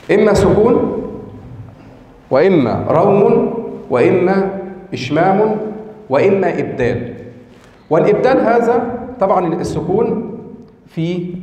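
An Egyptian man with an Egyptian Arabic accent lecturing on Quran recitation rules, explaining step by step, slowing down to pronounce examples and checking understanding with short questions. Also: a little high, dark tone, slight background noise. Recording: echoey room with long reverb.

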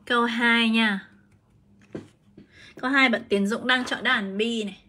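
A woman's voice: a little high, fairly even intonation, measured pace, bright, forceful tone, a little hiss or hum. A woman English teacher from Vietnam, giving a chatty live-streamed exam prep lesson and explaining each answer step by step.

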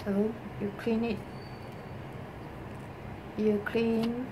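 In a small bedroom with a desk, a middle-aged Singaporean woman demonstrates cleaning for her vlog, speaking haltingly, repeating herself, and using particles such as "lah" and "ah" in a casual, improvised way. Her voice is on the high side with little pitch movement. The camera mic sits at arm's length on the desk, producing a noisy home recording with room ambience.

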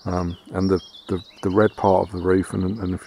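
With slight background noise behind his low-pitched voice, a man fixing up a farmhouse shows viewers around outside and inside a barn on a handheld camera. His relaxed commentary often pauses, with fillers and restarts.

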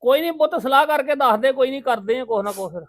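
A man's voice: extremely high pitch, fast, fairly bright tone. A man playing a soothing, kindly father. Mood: calm. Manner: soothing, reassuring, folksy sayings. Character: kindly father consoling his daughter. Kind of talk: family web drama acting.

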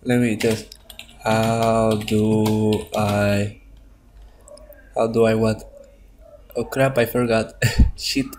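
A man with a lowish voice thinks aloud at a slow, unhurried pace as he plays, rambling and swearing freely. His audio is a low-quality stream through a webcam mic at his home computer. A faint hiss sits under it. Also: little pitch movement, darkish tone. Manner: rambling and profane, thinking aloud while playing. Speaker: Minecraft let's-play streamer. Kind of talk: casual gameplay commentary. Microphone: webcam microphone.

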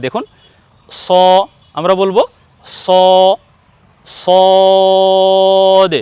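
Guy teaching arabic letters online, says each one slow and over again, clear high voice, no room sound. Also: a bit bright, no room sound. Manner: patient, repeats letters slowly for viewers to copy. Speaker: Quran teacher. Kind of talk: online letter-by-letter pronunciation lesson.

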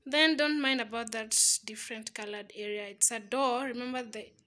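Bright-voiced Kenyan woman giving a tour. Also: on the high side, fairly even intonation, normal speed. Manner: chatty, mixes Swahili words into English. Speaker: vlogger. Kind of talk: casual house tour narration. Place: small single room indoors. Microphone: phone camera held while walking.

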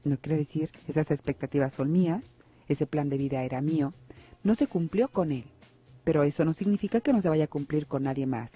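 Mellow woman radio psychologist. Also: deep voice, a little fast, slightly rough, faint music behind. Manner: reflective, poses rhetorical questions to listeners. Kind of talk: radio advice talk. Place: radio studio.

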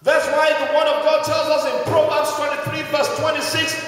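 A male pastor preaching a sermon, shouting his emphasis, asking the congregation to repeat after him, with many "you know" fillers. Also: very high-pitched, little pitch movement, brisk, faint music behind. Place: church hall. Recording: echoey hall, mic far off.

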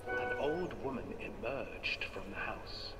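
A man narrating a dark fairy tale in theatrical storybook style, heard echoing from a distance with music behind. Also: medium pitch, lively intonation, slow pace. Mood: eerie. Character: eerie male ride narrator, adult. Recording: echoey hall heard from afar, music.

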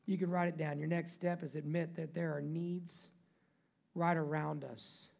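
A male pastor preaching a sermon in church, reading scripture and swinging between loud emphatic passages and quiet, low asides. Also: level tone, moderate pace, gravelly. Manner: reads scripture aloud and breaks off into joking remarks. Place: church sanctuary.

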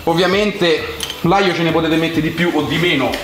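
A man's voice: a little high, moderate pace, a bit bright, slight background noise. Young Roman man, echoey kitchen vlog. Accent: Roman Italian. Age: young adult. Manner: colloquial, chatty, addressing viewers directly. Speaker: cooking vlog host. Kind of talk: casual cooking demonstration to viewers. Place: home kitchen, indoors. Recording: echoey room sound.

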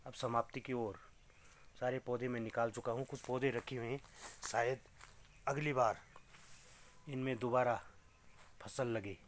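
A man's voice: medium pitch, fairly even intonation, unhurried, long pauses, a little hiss or hum. A middle-aged man giving a casual vlog tour of his small organic farm greenhouse, explaining the crops to viewers as he films on a phone held at arm's length. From Uttarakhand, India. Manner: plain, explanatory, pointing things out to viewers. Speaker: organic farmer. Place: inside a small polyhouse greenhouse. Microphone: phone camera held at arm's length.

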